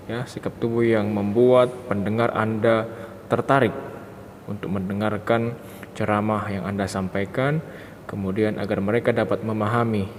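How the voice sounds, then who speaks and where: A man's voice: lowish voice, a little mellow. A male teacher giving a recorded lesson, explaining point by point with lots of "ya" and "nah" fillers. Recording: dull lo-fi audio with mains hum.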